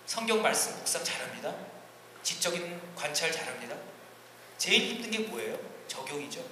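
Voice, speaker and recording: A man's voice: a little high, sing-song, moderate pace. Male pastor preaching in an echoey hall. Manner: earnest, swinging between emphatic rises and quiet asides. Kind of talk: teaching sermon at a church seminar. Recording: echoey hall, distant ambient noise.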